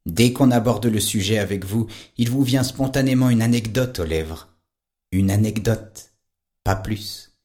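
An actor playing a calm, patient private detective in an audio drama. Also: male voice, lowish voice, unhurried, close to an everyday voice. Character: odd private detective, calm, faintly sad man.

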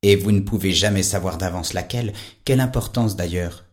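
A man playing a calm, wistful private eye. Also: sits low, fairly quick, close to an everyday voice. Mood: patient. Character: odd private detective, calm, faintly sad man. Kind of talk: audio drama acting.

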